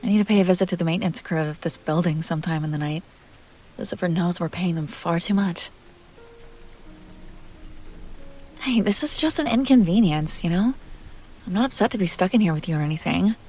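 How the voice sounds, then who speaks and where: A woman with a lowish, slightly mellow, natural voice speaks at a quick pace. She plays a self-assured, playful vampire heiress in an intimate roleplay audio drama, addressing the listener directly. Her mood is wry and friendly.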